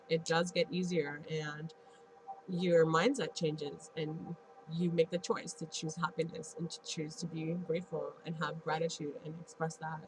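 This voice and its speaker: Woman, 30s, stuffy nose, casual vlog pep talk, earnest, encouraging, noisy background hiss. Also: low-pitched. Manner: earnest and encouraging, laughing often. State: congested. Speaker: vlogger and Reiki practitioner.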